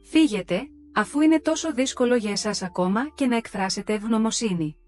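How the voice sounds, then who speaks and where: A worn-out young wife at the end of her patience, voiced by a woman narrator. Her voice sits a little high. Soft music plays faintly underneath the storybook reading. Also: natural voice. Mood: indignant. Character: young hardworking wife, hostess, fed up.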